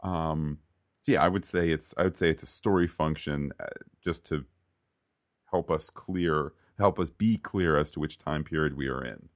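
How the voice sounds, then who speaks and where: A man's voice: very deep voice, moderate pace. A man co-hosting a podcast, chatting casually and slipping into mock quoted voices. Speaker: podcast co-host.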